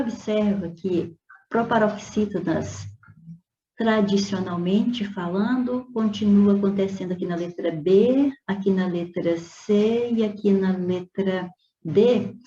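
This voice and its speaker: A woman Portuguese teacher going over exam questions, stretching out example words slowly and checking in with her students as she explains. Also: medium pitch, dark tone. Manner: checks in with "né?" and "tá vendo?". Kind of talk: exam review lesson. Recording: roomy, dull lo-fi with faint noise.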